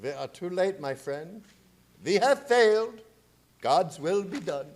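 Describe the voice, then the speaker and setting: A grave old professor in a radio drama. His voice sits high and swings widely in pitch. He speaks in halting, urgent warnings, full of foreboding. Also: lively intonation, exaggerated voice. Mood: grim, resigned. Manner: halting, foreign phrasing, ominous.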